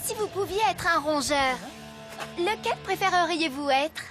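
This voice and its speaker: A woman's voice: extremely high pitch, expressive, measured pace, over music. A woman voicing a cheeky, glib schoolgirl in a French cartoon, chatty and a little dramatic. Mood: eager. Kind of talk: French animated series dialogue.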